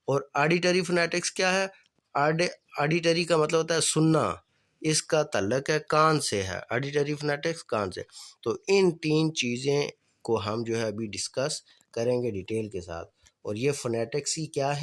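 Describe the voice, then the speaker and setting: A man with a Pakistani accent giving a phonetics lecture, repeating key terms, quizzing his listeners and reading English definitions slowly. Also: medium pitch. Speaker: teacher.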